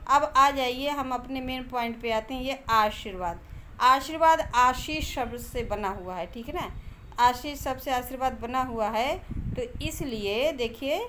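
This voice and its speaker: Woman teacher, high voice, patient, repeats each point, light hiss behind. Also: measured pace, sharp tone. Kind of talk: explaining a grammar lesson.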